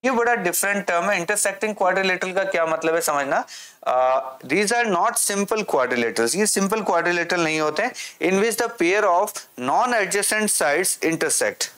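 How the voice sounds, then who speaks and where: An expressive, high-pitched male voice with a bit of brightness explains a classroom maths lesson. The teacher asks and answers his own questions and slowly reads English aloud.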